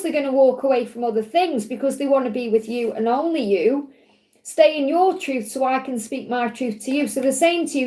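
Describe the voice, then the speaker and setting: With a high, somewhat mellow voice that sounds husky and worn, a woman gives viewers a live tarot reading. She keeps her tone calming and keeps checking in by saying "okay?"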